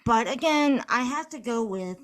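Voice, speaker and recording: A woman's voice: fairly high pitch, expressive, normal speed. A woman co-hosting a casual podcast, talking through plans in an organized way with plenty of "you know" fillers. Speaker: podcast co-host.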